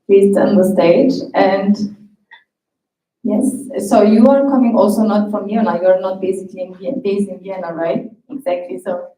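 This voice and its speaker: A woman moderating a pitch event, calling up each speaker briefly and welcomingly. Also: steady tone, normal speed, dark tone. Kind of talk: announcing speakers. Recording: echoey hall, distant mic, faint noise.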